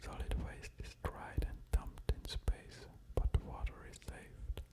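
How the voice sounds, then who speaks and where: In an ASMR whisper that is soft and unvoiced, a man thinks aloud haltingly and slowly, adding musing asides. The microphone is a close-up stereo ear-to-ear setup.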